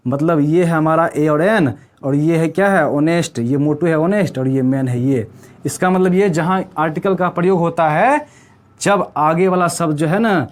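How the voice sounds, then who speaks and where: A man teaching an English grammar lesson, asking the class questions and checking in with them as he goes. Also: a little high. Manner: asks the class questions and answers them himself.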